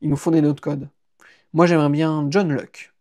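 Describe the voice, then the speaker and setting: A man's voice: on the high side, flat delivery, moderate pace, darkish tone, lightly acted. A man voicing a joking, easygoing young male hacker friend in an audiobook, teasing and casual, stammering when taken by surprise. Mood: eager. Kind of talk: audiobook character voice.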